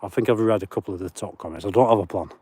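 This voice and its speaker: Walking the moors at night, a chatty paranormal livestream host from Lancashire, England, talks into his phone in a broad Lancashire accent, reading out viewer comments and greeting people by name. His low, mellow voice comes rapid-fire and slightly rough in a dry recording.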